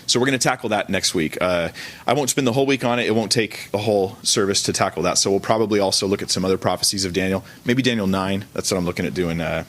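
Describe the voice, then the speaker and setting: A man speaking fast in a low, slightly bright voice teaches a church service as pastor. He keeps the sermon conversational and colloquial, often fixing what he just said.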